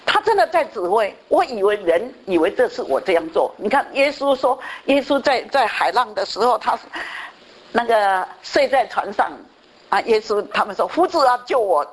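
A woman preacher giving a lively testimony sermon, telling stories and dropping in English phrases. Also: medium pitch, normal speed, low-quality recording. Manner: animated storytelling with bursts of English.

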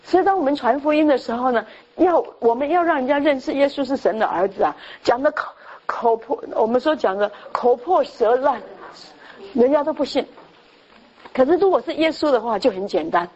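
Older woman preaching, husky voice. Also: high-pitched, animated, a little fast, darkish tone, highs cut off. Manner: storytelling, acts out quoted dialogue. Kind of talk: sermon.

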